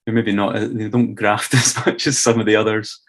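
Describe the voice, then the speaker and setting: A man's voice: lowish voice, little pitch movement, normal speed. A Scottish man co-hosting a music podcast, talking in an easygoing way and hedging with "sort of" and "kind of". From Scotland. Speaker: podcast co-host. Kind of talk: casual chat.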